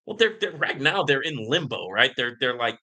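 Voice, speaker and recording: A male livestream host answers questions live, ranting and preaching with emphasis while often tacking on "right?" and dropping "man." His medium-pitched voice is pushed and bright, with big pitch swings at a moderate pace.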